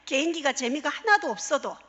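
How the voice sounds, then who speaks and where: Playful high-voiced woman giving a testimony. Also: very animated, brisk, fairly bright tone. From Daegu, South Korea. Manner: playful, engages the audience with questions. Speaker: pastor's wife giving a testimony. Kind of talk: humorous church testimony. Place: church hall. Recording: echoey church hall, dull sound.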